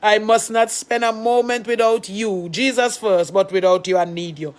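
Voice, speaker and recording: A woman's voice: mid-range voice, moderate pace, a little mellow. A woman pastor with a Jamaican accent, talking to her followers on a livestream, affectionate and pleading, repeating her phrases.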